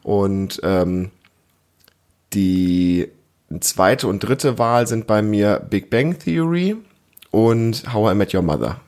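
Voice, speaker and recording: Co-hosting a family podcast with a child, a dad in his thirties keeps things casual, offering simple explanations and nudging the kid with questions. He talks slowly in a fairly low, animated voice with a darkish tone.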